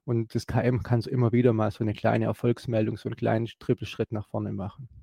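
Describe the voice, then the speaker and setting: Gravelly, dark-voiced man explaining. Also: fairly low pitch, little pitch movement, quick pace, no echo. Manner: hesitant, many fillers and restarts. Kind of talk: explanatory talk.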